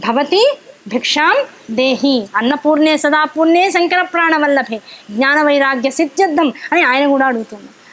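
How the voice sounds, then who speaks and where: A woman giving a devotional discourse who chants Sanskrit verses slowly, then explains them in lively conversational speech with rhetorical questions to the listeners. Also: very high voice. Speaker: religious discourse speaker.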